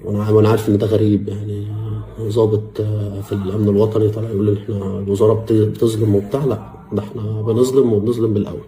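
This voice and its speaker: A man with an Egyptian Arabic accent giving a personal video statement as a former security officer, earnest and halting, with frequent hesitations and a grave religious tone. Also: on the low side, level tone, dark tone.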